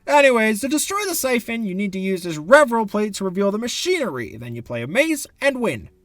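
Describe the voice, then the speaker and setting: A man's voice: sits high, big pitch swings, fairly quick, fairly bright tone, no echo. A man giving sarcastic, exasperated commentary for a video game review essay, into a close mic.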